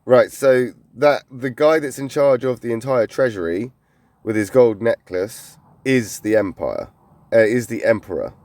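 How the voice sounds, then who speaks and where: A man's voice: mid-range voice, measured pace, darkish tone, dry recording. A man reacting to videos in casual commentary, blunt and skeptical. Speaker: micronation reviewer.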